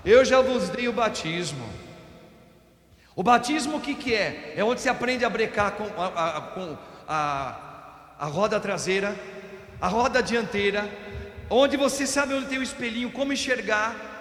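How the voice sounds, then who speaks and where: A middle-aged Brazilian priest giving an Easter homily, telling folksy stories with everyday examples. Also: male voice, sits high, moderate pace, a bit bright. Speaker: parish priest. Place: parish church. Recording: echoey church with long reverb.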